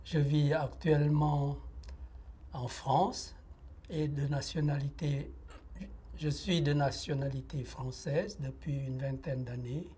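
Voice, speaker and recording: A Lao-man in his sixties gives a reflective testimony in an interview. His voice is mellow and his delivery slow and hesitant, full of pauses and filler sounds. Faint noise sits behind him. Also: fairly high pitch, steady tone. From Laos. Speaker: interviewee giving a personal testimony.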